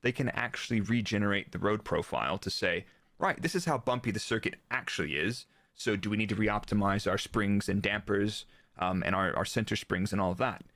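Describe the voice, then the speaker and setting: In a live interview, a man who was once a Formula 1 performance engineer serves as guest expert, explaining motorsport technical matters casually and informally, using quoted remarks as illustrations. He talks fairly quickly in a lowish, slightly bright voice, with clean studio sound and no room sound.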